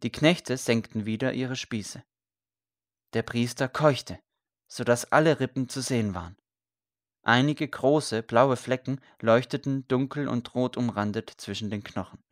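Steady male audiobook narrator. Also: mid-range voice, measured pace, no echo, clean studio sound. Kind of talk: scripted story narration.

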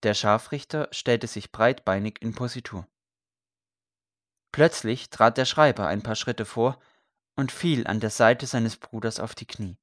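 Steady male audiobook narrator. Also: medium pitch, a little slow, dry recording, clean studio sound. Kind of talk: scripted story narration.

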